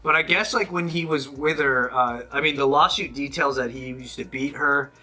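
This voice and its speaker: A man's voice: medium pitch, normal speed, bright, forceful tone, faint music behind. A man retelling a story in casual chat, hesitant and full of fillers.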